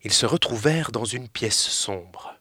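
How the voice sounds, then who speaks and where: Lively male storyteller, bright tone, dry close sound. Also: mid-range voice, slightly rough, no room sound. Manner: expressive, slowing for suspense. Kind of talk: children's story reading.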